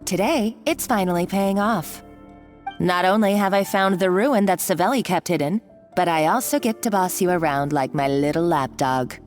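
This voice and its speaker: This game character is a cruel, gloating villainess, voiced by an actress who sounds scheming, mocking, bossy and condescending. Her pitch sits fairly low and her pace is moderate, close to an everyday voice, with faint music in the background.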